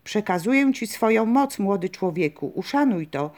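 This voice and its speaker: A woman voicing a young queen of river spirits, speaking softly with a sweet tone. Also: medium pitch, lively intonation, normal speed, close to an everyday voice. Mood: gentle, calm. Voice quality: soft, sweet-toned.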